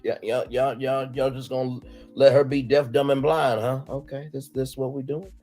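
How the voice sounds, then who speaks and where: A man co-hosting a casual chat that recaps a reality show. He swings between low mutters and loud, high exclamations. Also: steady tone, moderate pace, soft background music. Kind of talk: casual gossip chat with impressions.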